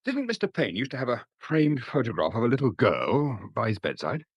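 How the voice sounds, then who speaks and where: An actor playing a shrewd, courteous middle-aged English police inspector in a radio drama, measured and dryly precise. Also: male voice, medium pitch, wildly swooping pitch, breathy edge, no echo, dull audio. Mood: probing, grave.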